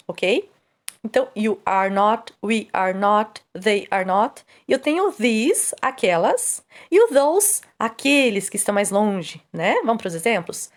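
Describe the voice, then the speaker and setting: In this English grammar lesson, a mid-range female voice asks questions only to answer them on her own. Example sentences come out slowly, while her explanations move faster.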